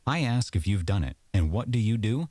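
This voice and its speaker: In an audio roleplay, a man plays an aggrieved, sarcastic boyfriend locked in a heated argument at home, sounding indignant, accusatory, and exasperated. His lowish, slightly mellow voice has a sing-song lilt and runs a little fast. There is no room sound.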